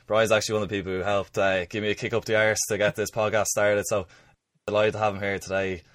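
A man's voice: on the low side, level tone, fast, a bit bright, no room sound, studio quality. A man with an Irish accent hosting a podcast, introducing and chatting in plain conversational language. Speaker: podcast host.

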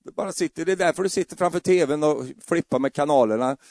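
A middle-aged man preaching a lively, humorous sermon, acting out little scenes. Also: a little high, dry recording, clean studio sound. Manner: humorous, acts out scenes with voices.

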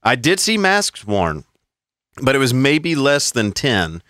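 A man's voice: medium pitch, sing-song, slow, pushed and bright, no echo, clean studio sound. A man on a casual podcast, telling long rambling stories full of swearing. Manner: rambling storyteller, heavy swearing, mocking voices in quotes. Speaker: podcast co-host. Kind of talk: casual profane chat.

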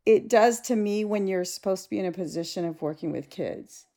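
A woman's voice: medium pitch, fairly quick. A woman co-hosting a casual podcast, a teacher telling a story frankly and acting out what people said. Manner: animated storyteller, acts out dialogue, frank and blunt. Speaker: podcast co-host; school teacher.

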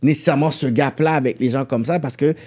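A man's voice: mid-range voice, fast talker, a little mellow. A young man with a Québécois French accent hosting a casual podcast chat, talking animatedly and mixing in English slang. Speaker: podcast host interviewing a rapper.

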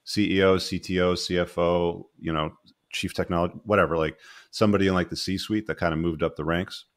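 A man hosting a casual group video call, talking in a relaxed, slangy way with casual swearing. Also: sits low, fairly quick. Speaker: host.

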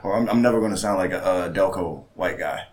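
A man co-hosting a casual chat, telling stories in an animated way and mimicking other people's voices. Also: low-pitched, fast.

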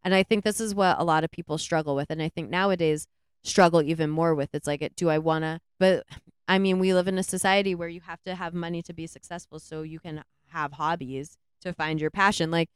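A woman co-hosting a podcast, retelling a film's plot in a rambling, animated way with lots of "like"s. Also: on the low side, fairly quick, clean tone, no echo, clean studio sound. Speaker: podcast co-host. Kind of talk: casual movie review chat.

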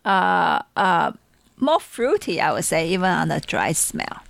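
A woman from Taiwan with a Taiwanese accent, a tea seller chatting casually and tasting tea, animated and giggly as she tells stories. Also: on the low side, unhurried, creaky, background noise.

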